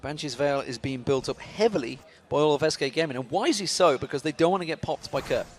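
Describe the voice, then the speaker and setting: Excitable male esports play-by-play caster. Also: fast talker. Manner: excitable, rises sharply in pitch during action. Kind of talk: live game commentary.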